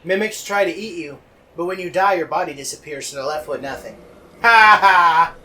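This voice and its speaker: A man's voice: a little high, fast, fairly bright tone. A man chiming in on a casual video game commentary, teasing and sarcastic with his friend. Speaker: let's play co-commentator.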